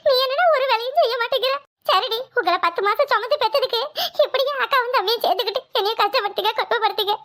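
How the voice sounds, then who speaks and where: A woman voicing a grumbling, sharp-tongued older village mother-in-law in a cartoon, scolding and complaining. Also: extremely high pitch, racing. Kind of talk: cartoon voice acting.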